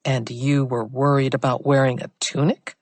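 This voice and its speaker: Woman narrator as a sharp, teasing heroine, near her own voice, audiobook. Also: very deep voice, level tone, normal speed, dry recording. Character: quick-witted woman handwriting expert, teasing.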